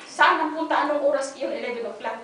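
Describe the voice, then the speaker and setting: A woman from the Philippines giving an inspirational church talk, telling her story with lively acted-out dialogue and bits of English. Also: high voice, fast talker. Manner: animated storytelling, acts out dialogue, mixes in English. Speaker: guest speaker giving a testimony. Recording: echoey hall, distant mic, faint noise.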